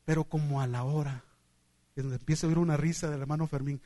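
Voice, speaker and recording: Animated Mexican preacher man, high voice. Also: quick pace, no room sound. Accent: Mexican Spanish. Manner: animated storytelling, acting out voices, swinging from loud to hushed. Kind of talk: sermon.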